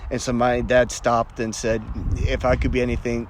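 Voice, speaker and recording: A man's voice: mid-range voice, monotone, normal speed, noisy background. A young man, a Marine veteran, telling his stories casually in an interview, laughing often and stumbling through fillers and restarts. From Canada. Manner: laughs often, many fillers and restarts, acts out quoted voices.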